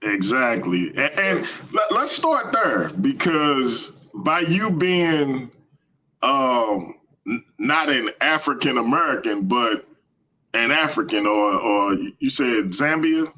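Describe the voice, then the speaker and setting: Stream host guy, bright forceful voice, slangy and quick. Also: medium pitch, rough recording. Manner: energetic, slangy, quick bursts. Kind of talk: casual live-stream hosting.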